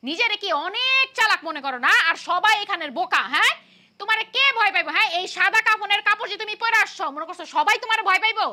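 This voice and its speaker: A woman's voice: extremely high pitch, exaggerated voice. A woman playing a fierce scolding young wife. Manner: scolding, sharp, quick. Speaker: daughter and wife. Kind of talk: comic TV drama acting.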